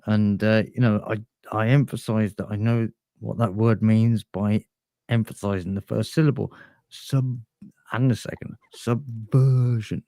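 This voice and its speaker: Podcast host, male, mellow, dry close sound, rambling boastful ironic banter. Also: lowish voice, fairly even intonation, normal speed, dry recording. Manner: rambling, boastful, filler-heavy.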